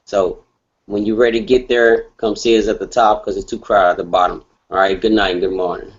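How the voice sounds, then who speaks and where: Casual male motivator, low voice, muffled call. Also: level tone, a little fast. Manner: casual, colloquial, with frequent "okay?" check-ins. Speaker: speaker on a group call. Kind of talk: motivational talk. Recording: muffled conference call line.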